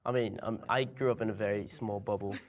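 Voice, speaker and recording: A man's voice: on the low side, steady tone. A young man and student from Leicester, rambling through a casual chat. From Leicester, England. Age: young adult. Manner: quick, rambling casual talk. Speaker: university student guest.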